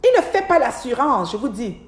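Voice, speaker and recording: A woman's voice: high-pitched, big pitch swings, normal speed. A middle-aged woman telling a long story on a casual livestream from home, rambling and often repeating words as she speaks to her viewers. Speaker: livestream host. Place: at home, by an aquarium. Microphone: livestream device mic. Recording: echoey room.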